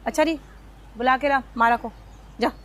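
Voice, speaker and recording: An actress playing a scheming, sharp-tongued sister-in-law who mocks and taunts. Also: female voice, high-pitched, normal speed. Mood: taunting. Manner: taunting, mocking. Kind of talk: TV serial acting. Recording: background music score.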